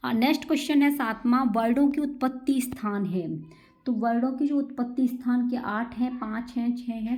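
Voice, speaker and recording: A woman's voice: fairly high pitch, mellow. Woman tutor drilling Sanskrit grammar. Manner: repeats key answers as quick quiz questions to students; chants Sanskrit rules slowly and drawn out. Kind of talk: exam-prep grammar lesson.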